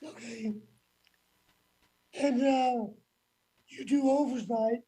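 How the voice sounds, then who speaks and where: A man questioning witnesses as a legislator at a formal hearing, blunt and folksy, in halting short phrases. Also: extremely high pitch, fairly even intonation, mellow, husky.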